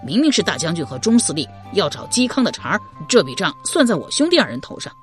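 A woman's voice: lowish voice, very animated, soft background music. A woman playing an indignant hot-headed officer. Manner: fast, indignant. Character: hot-tempered young male officer.

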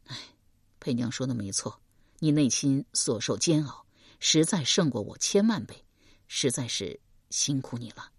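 A woman voicing a gentle, wounded young man in an audiobook, speaking softly and tenderly. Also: a bass voice, sing-song, moderate pace, husky, dry recording, studio quality, pitched below the performer's own voice, heavily acted. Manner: soft, tender.

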